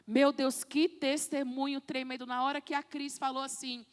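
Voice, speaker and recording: High-voiced Brazilian woman pastor preaching. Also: little pitch movement, moderate pace. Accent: Brazilian Portuguese. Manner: fervent preaching, calling out to the congregation. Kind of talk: sermon. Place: church sanctuary. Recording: long church-hall reverb.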